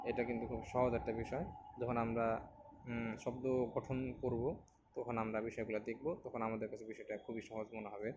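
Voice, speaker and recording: Man doing a patient beginner lesson, mid-pitch voice, says letters over and over, bit of faint noise behind. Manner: repeats letters slowly for learners to copy. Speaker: Quran teacher.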